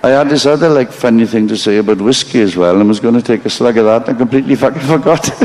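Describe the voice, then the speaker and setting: With a quick pace and few pauses, a stand-up storyteller's mid-range, slightly mellow voice carries a rambling live performance. He swears freely, makes fun of himself, and stops to say sorry for his slip-ups.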